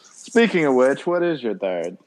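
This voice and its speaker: A man co-hosting a casual music podcast, laid-back and joking, sometimes speaking in quick bursts. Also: mid-range voice, very animated, a little mellow. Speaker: podcast co-host. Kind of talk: casual chat.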